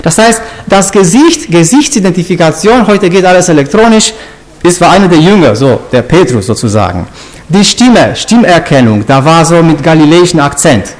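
A man's voice: on the high side, very animated, moderate pace. A man preaching an informal Bible lesson, asking his listeners questions and restarting his sentences often.

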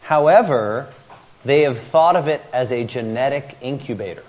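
Male speaker, lecture delivered in short bursts for an interpreter, middle-pitched voice. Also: a little mellow. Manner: pauses after each sentence for translation. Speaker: speaker giving a talk on longevity.

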